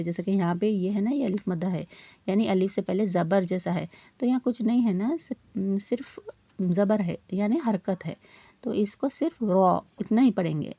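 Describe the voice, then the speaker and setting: A woman teaching Quran recitation in a patient step-by-step lesson, repeating each rule and pausing to ask her learners questions. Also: mid-range voice, vocal fry, mellow, no room sound. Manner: slows down to model Arabic sounds.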